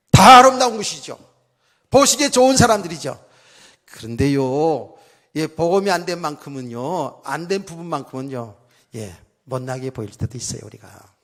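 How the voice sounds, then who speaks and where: A man's voice: high-pitched, fairly bright tone. A middle-aged male pastor preaching a conversational sermon, acting out quoted voices. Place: church sanctuary. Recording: long hall reverb.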